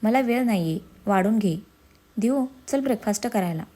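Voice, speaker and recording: A woman voicing a reproachful, sharp-tongued young wife in a storybook reading. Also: mid-range voice, lively intonation, moderate pace, close to an everyday voice. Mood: sarcastic. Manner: reproachful, sarcastic.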